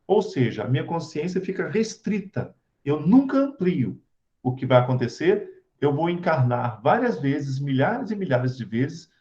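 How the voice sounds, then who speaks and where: A man's voice: on the high side, very animated, a little slow, darkish tone. A man giving a conversational spiritual talk, asking his audience rhetorical questions. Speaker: spiritual lecturer. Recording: dull lo-fi recording.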